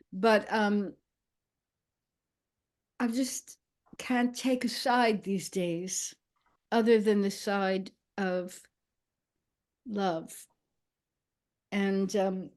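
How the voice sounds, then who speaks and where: An older woman storyteller speaking slowly and reflectively, with frequent pauses and soft fillers. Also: medium pitch. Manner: slow, thoughtful, with many pauses and fillers.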